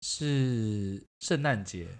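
A man's voice: medium pitch, animated, extremely slow. A man with a Taiwanese Mandarin accent hosting a casual podcast chat, chatty and teasing with blunt swearing. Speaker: podcast host. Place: studio room with echo.

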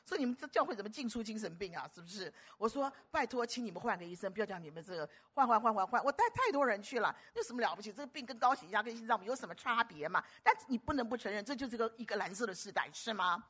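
A woman preacher delivering a sermon, emphatic and animated, often stumbling and repeating words. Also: fairly high pitch, rapid-fire, hardly any pauses, slightly rough.

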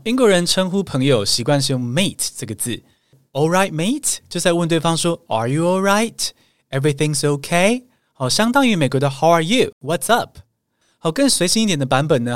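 A man's voice: a little high, no echo, clean studio sound. A man hosting a podcast English lesson, telling a travel story in a playful, teasing way. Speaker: podcast host and English speaking coach.

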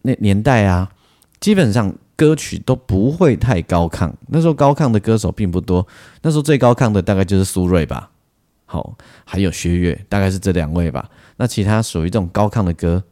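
A man with a fairly low, mellow voice and a Taiwanese Mandarin accent hosts a casual solo music podcast. He talks in a rambling way, full of particles and side remarks.

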